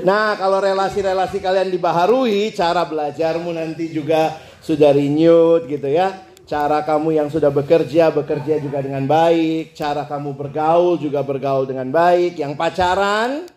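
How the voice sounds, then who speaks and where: Guy preaching to young people, jokes around a lot, does little voices, warm mellow tone. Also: fairly high pitch, steady tone, normal speed, some chatter behind. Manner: jokey, acts out quoted voices, chatty asides. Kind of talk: humorous youth sermon. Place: church hall with audience.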